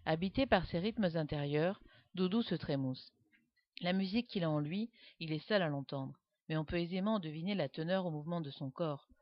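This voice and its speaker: A woman reads a storybook aloud, her lowish voice expressive and animated. The recording is dull and lo-fi, with a dry, close sound and no room around it. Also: normal speed, no room sound. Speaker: reader. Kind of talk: storybook narration.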